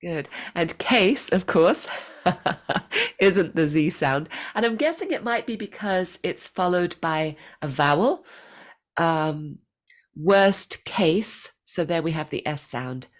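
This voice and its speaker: A woman's voice: fairly low pitch, lively intonation. Patient woman coaching pronunciation. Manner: patient, encouraging, models phrases slowly. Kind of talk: one-on-one online pronunciation lesson.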